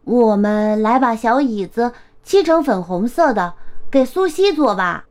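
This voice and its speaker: A woman's voice: on the high side, lively intonation, a little slow, a little mellow. Woman doing a sulky jealous little boy. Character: little boy, jealous of new baby sister.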